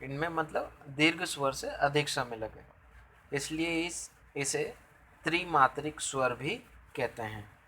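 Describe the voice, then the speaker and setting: A man teaching a grammar lesson, explaining slowly, asking rhetorical questions and sounding out examples. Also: on the high side, bright, forceful tone, slight background noise, poor audio.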